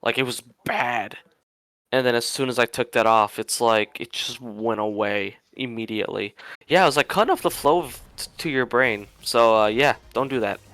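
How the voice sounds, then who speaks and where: Smooth, bright-voiced man telling stories. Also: medium pitch, moderate pace, dry recording. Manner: earnest storytelling. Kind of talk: casual chat.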